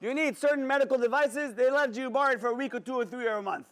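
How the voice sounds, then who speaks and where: A man giving a sermon as a rabbi, an animated storyteller who talks straight to his audience. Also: very high-pitched, fast talker. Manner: animated storyteller, acts out dialogue, addresses audience directly.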